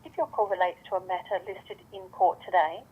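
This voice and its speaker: A woman's voice in a recorded phone menu message, reading formal, measured announcements. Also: fairly low pitch, steady tone, breathy edge, narrow, tinny audio. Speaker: automated phone line announcer.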